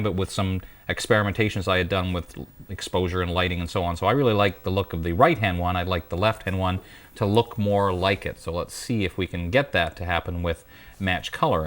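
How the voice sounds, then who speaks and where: A man with a very deep voice walks through a software tutorial. He explains step by step in a calm, steady way and sometimes restarts a phrase. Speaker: guest presenter.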